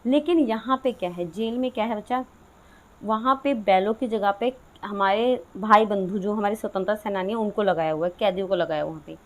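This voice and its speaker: A woman teacher with a mid-range voice, talking like a tutor to her pupils. She reads poetry lines slowly and with weight, then breaks into fast, conversational explanations full of small tag questions. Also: medium pitch. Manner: addresses listeners as "बच्चा", reads verses slowly then explains in quick chatty asides. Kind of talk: Hindi poetry lesson explaining a class nine text.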